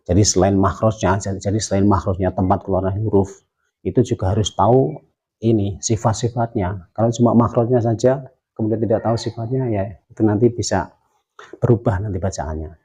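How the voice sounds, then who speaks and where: A man with an Indonesian accent, teaching Quran pronunciation patiently and repeating drawn-out syllables to demonstrate. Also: lowish voice, dark tone, slightly rough. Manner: patient, explanatory, uses many fillers. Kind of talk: tajwid pronunciation lesson.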